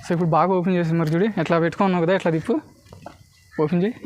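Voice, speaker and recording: A man with a Telugu accent doing loud, bantering street magic patter for spectators, dropping in English words. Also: sits high, steady tone, racing. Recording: clearly noisy on-location recording.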